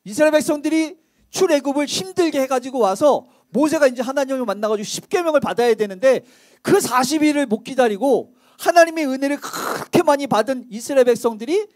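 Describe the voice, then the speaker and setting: A man's voice: very high voice, a little mellow. A male pastor preaching a sermon in a church, speaking conversationally and quizzing the congregation with rhetorical questions. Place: church sanctuary.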